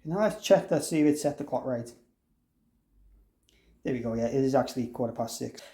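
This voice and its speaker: This is a casual, unscripted software walkthrough by a man whose medium-pitched voice is warm and brisk. He demonstrates the product while talking it through and thinking aloud, and the recording carries a roomy echo.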